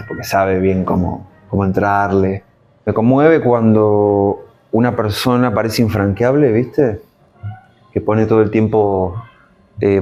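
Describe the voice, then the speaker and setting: Low-voiced Rioplatense man musing. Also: a little mellow. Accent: Rioplatense Spanish. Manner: reflective, meandering, peppers speech with "¿viste?". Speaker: guest artist. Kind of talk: casual interview chat.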